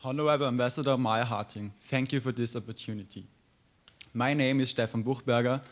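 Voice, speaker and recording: A young student delegate with an Austrian accent asks a question at a conference. He speaks earnestly at a medium pitch and stumbles over a few words as he goes. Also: steady tone, brisk. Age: young adult.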